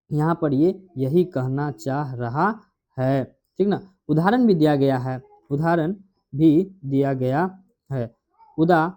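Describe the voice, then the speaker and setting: Mellow-voiced man teaching in call-and-response. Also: on the high side. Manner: repetitive call-and-response questioning. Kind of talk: grammar lesson.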